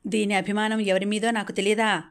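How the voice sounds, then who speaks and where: A woman's voice: mid-range voice, little pitch movement, a little fast, lightly acted. A woman reading the lines of an angry, defiant teenage son in a storybook reading, delivered with scorn. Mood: scornful. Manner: scornful, sneering.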